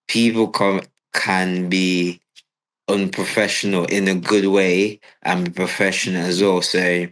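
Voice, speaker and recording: A young man from Cameroon, a footballer answering interview questions in a relaxed, hesitant way with lots of fillers. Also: low voice, rough recording. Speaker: footballer guest.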